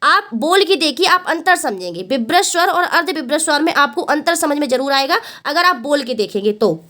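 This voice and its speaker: High-voiced woman teacher drilling her class. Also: lively intonation, brisk, pushed and bright. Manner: asks the class questions and answers them herself; repeats each point. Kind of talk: exam-prep Hindi lesson.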